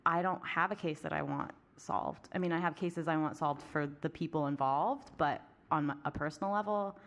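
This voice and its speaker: Woman co-host at a live podcast Q&A, slightly low voice, chatty, giggly. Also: moderate pace, fairly bright tone. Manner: chatty, giggly, many fillers.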